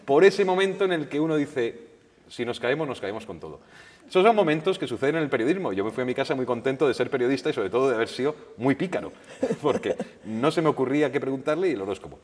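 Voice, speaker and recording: A male journalist telling lively anecdotes at a public talk, acting out the dialogue with restarts, on a stage microphone in a lecture hall. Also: medium pitch, quick pace. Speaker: journalist, guest.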